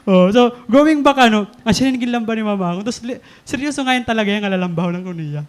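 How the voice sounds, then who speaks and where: A young man in his twenties with a Filipino accent, preaching a sermon as an animated story, laughing often. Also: sits high, fast talker, clear, resonant tone. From Philippines. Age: 20s.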